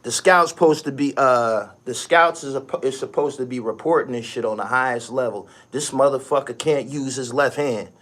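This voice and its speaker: A middle-aged man hosting a basketball podcast, ranting bluntly with lots of swearing and sudden loud, high outbursts. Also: normal speed, hardly any pauses. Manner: animated, blunt, swears a lot, rising to shouted outbursts. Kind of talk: profane basketball rant.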